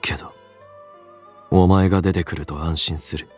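A man's voice: low-pitched, steady tone, fast, darkish tone, slightly rough. A man voicing a guarded young man in a visual novel, asking level, probing questions over game music. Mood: reflective. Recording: faint game music behind.

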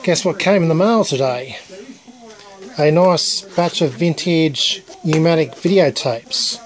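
An Australian man chatting casually and enthusiastically as a vlogger, with a halting delivery. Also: fairly high pitch. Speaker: YouTube vlogger. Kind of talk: casual chat over footage being filmed. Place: dim cluttered room at home, indoors. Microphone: handheld camera, held by the speaker. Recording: TV chatter behind the voice. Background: television playing old tape.

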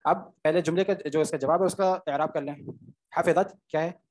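A man teaching Arabic grammar in an online class. His voice sits fairly high, and he explains patiently, step by step, stopping often to check that his students follow. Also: steady tone, a little fast, darkish tone.

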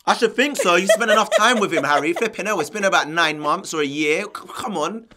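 Bloke co-host, slangy and opinionated, easygoing fan banter. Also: male voice, high voice, lively intonation, fairly quick, pushed and bright. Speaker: co-host of a football fan channel. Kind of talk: casual chat.

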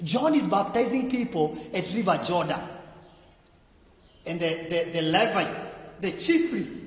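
A man with a Kenyan accent preaching a sermon as pastor, with emphatic repetition that climbs to shouts and falls back low. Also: expressive, unhurried. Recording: echoey hall with faint music.

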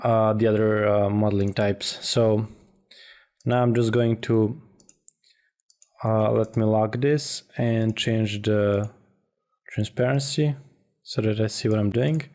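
Low, even-toned man, halting delivery. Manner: halting, hesitant, repeats words. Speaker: tutorial instructor. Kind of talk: informal software tutorial narration. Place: voice-over for a screen recording.

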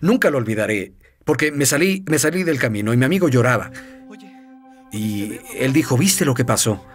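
Male minister guest, animated testimony storyteller, soft music bed. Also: mid-range voice, normal speed. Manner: lively storytelling with chuckles and fillers. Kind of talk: personal testimony in a TV interview.

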